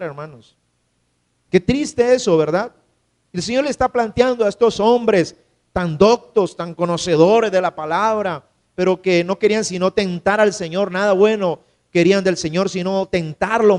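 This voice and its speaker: A pastor delivering a sermon to his congregation, his voice pitched high for a man. He keeps turning to the listeners with rhetorical questions as he preaches. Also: moderate pace, a little mellow. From Colombia. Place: church.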